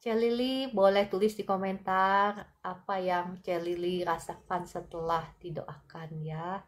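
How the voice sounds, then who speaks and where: A woman's voice: on the low side, steady tone, measured pace, a little hiss or hum. Lady on a phone livestream praying hard for healing, repeating lines over and over. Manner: fervent, repetitive prayer chanting with soft asides. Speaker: livestream prayer minister. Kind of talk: live-streamed healing prayer. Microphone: phone for a live stream.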